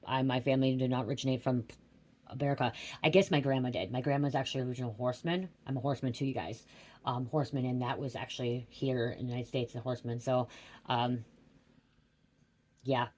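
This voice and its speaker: On a casual livestream, a middle-aged psychic tarot reader rambles through a reading in a very deep, slightly mellow voice, keeping a steady tone while talking fast. She strays off track, swears without restraint, and repeats "okay?" constantly.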